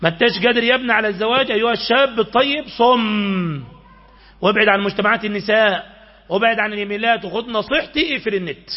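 Male Egyptian preacher, very high voice, quick urgent delivery, dull lo-fi sermon recording. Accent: Egyptian Arabic. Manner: impassioned, urgent preaching with sudden raised outbursts.

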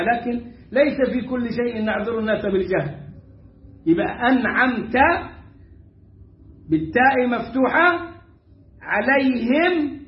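An Egyptian man with an extremely high-pitched voice gives a tajweed lesson on Quran recitation in Egyptian colloquial Arabic. Animated and emphatic, he repeats words slowly to show how they are pronounced. The room is echoey and the sound lo-fi.

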